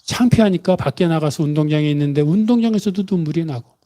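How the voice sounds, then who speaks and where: A male pastor telling a story in a sermon, rising into dramatic bursts and slowing for weight. His voice sits a touch high but sounds warm and mellow. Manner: dramatic retelling with vivid pauses and emotional rises.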